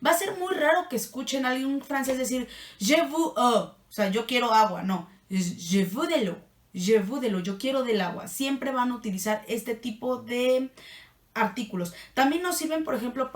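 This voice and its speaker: A woman's voice: a little high, far from the mic. A woman teaching a casual online French lesson, chatty and playful. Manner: chatty and playful, laughs at her own asides. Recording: echoey room, voice set back from the mic.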